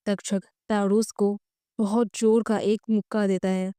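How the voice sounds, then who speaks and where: A woman's voice: mid-range voice, little pitch movement, measured pace, dark tone, clear, resonant tone, dry recording. A woman narrating a story recap, reading every character's lines in close to her own voice.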